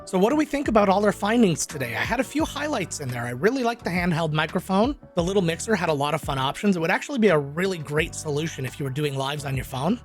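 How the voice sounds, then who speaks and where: A man's voice: on the high side, sing-song, fast talker, few pauses, soft background music. A man who is a YouTuber, giving a casual, upbeat and joking unboxing review of audio gear. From Canada.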